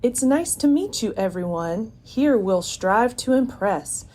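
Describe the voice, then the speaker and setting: A woman's voice: a little high, expressive, unhurried, a little mellow. A woman voicing a welcoming cafe hostess who talks in sing-song rhymes, in a hobby audio story. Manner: sing-song rhyming speech.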